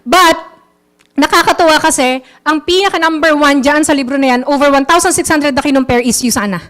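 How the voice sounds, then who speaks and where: High-voiced Filipino woman rousing a seminar. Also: a little fast. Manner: lively, quizzes the audience with frequent tag questions; mixes English phrases into her talk. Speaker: network marketing trainer. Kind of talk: motivational seminar talk.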